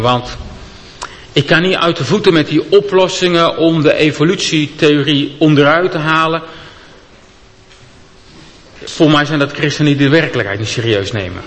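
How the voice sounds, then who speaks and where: A man reading a scripture passage aloud and then preaching a sermon, with an expressive delivery that gives the speakers in the story their own voices. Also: fairly high pitch, slight background noise. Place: church. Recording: long church reverb.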